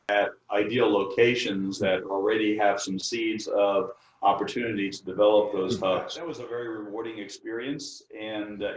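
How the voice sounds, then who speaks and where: A middle-aged architect and firm co-founder from the New York area in the United States answers interview questions in a lowish voice. He's hesitant, with lots of fillers and restarts. The mic is distant, so the sound is dull and roomy.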